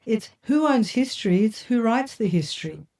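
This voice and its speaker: A woman's voice: a little high, animated, normal speed, a little mellow. A woman hosting a conversational podcast, probing and summing up points as she goes. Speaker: podcast host.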